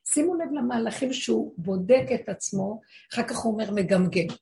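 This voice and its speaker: Gravelly-voiced woman teaching a religious lesson. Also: on the high side, lively intonation, dark tone. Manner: explains with frequent rhetorical questions to listeners; acts out quoted voices in her teaching. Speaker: spiritual teacher.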